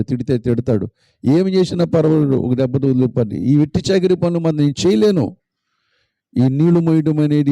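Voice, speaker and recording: A man's voice: mid-range voice, mellow, no room sound. A man preaching a sermon as a pastor, retelling a story emphatically with lots of repetition.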